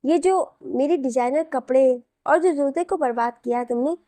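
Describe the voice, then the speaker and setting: Woman reading a whiny teasing young husband, high soft voice, dry close sound. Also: moderate pace, no echo, close to an everyday voice. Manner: childlike whining, pouty.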